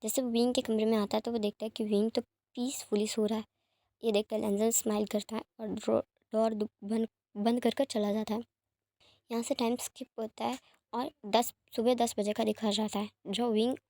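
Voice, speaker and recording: Mellow-voiced woman narrating a fan fiction story. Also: on the high side, no room sound. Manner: plain narration with small slips and restarts.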